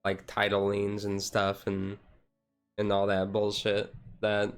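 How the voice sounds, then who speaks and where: A man on a relaxed ASMR chill livestream rambles casually, hedging constantly with "like" and "and stuff." His voice is lowish, clear and resonant, delivered slowly in a monotone, with soft music in the background.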